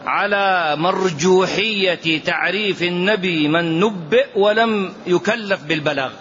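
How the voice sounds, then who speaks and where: A man's voice: high-pitched, measured pace, fairly bright tone, slight background noise. A man giving a religious lesson, emphatic, repeating phrases and drawing out quoted verses. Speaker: sheikh teaching a lesson. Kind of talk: religious lesson explaining a poem. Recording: dull lo-fi lecture recording with faint ambience.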